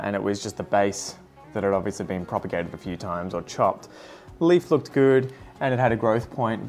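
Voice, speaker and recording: In a lounge room crowded with houseplants, an Australian man in his thirties talks loosely and muses to himself as he tends his plants for his vlog. His voice runs on the low side and a little mellow.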